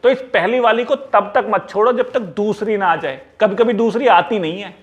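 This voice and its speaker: A man's voice: sits high, normal speed, dull audio. A man talking casually to camera as a YouTuber, giving advice and slipping English words into his Hindi. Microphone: small clip-on mic.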